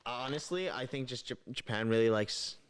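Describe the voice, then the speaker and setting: A man's voice: mid-range voice, moderate pace, a crowd in the background. A man co-hosting a casual podcast chat, rambling and hesitant with lots of fillers. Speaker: podcast co-host.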